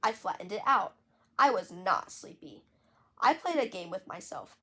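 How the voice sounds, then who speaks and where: A woman reading a children's book aloud in an expressive storytelling manner. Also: medium pitch, moderate pace, slightly rough. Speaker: audiobook reader. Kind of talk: audiobook narration of a children's book.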